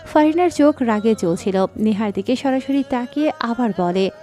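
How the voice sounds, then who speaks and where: A woman narrating a dramatic story in an expressive, scripted reading. Her voice sits a little high, with faint music playing underneath. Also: moderate pace. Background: faint background music.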